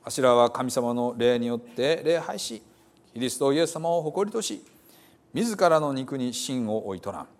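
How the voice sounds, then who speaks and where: A man's voice: mid-range voice, animated, moderate pace, pitched below the performer's own voice, natural voice. A man reading the apostle Paul's letter aloud in Hiroshima dialect, earnest and emphatic. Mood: fervent. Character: the apostle Paul, zealous male preacher, fervent.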